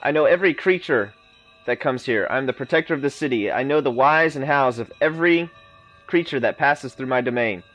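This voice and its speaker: A man's voice: mid-range voice, a little fast, fairly bright tone, soft background music, natural voice, low-quality recording. [name], a man reading a giant iron lion automaton. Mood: calm. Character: giant male iron lion automaton, calm, philosophical protector.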